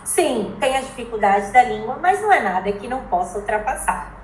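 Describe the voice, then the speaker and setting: Brazilian woman w/ brazilian accent, highish voice, casual interview guest telling stories, echoey room. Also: sing-song, fairly quick. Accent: Brazilian Portuguese. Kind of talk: casual conversational storytelling. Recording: echoey room with faint background noise.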